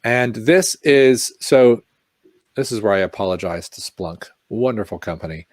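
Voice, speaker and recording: A man's voice: on the low side, measured pace, no room sound. A man co-hosting a casual tech livestream, chatty and joking, wandering into tangents. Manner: animated, jokey, tangents. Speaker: podcast co-host.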